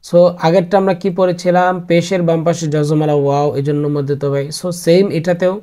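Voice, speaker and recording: A man's voice: fairly high pitch, level tone, a little fast, warm tone, clear, resonant tone. A man teaching a Quran reading class online, patiently repeating each spelling rule and mixing in English words.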